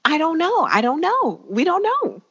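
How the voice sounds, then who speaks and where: A woman casually retelling scenes from a show, animated and laughing along. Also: extremely high pitch, normal speed, muffled recording. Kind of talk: casual chat reviewing a TV show.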